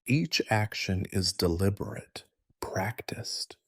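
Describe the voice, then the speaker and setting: A man in a soft, breathy whisper, narrating a calm sleep story in slow, measured phrases. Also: lowish voice, no room sound, studio quality.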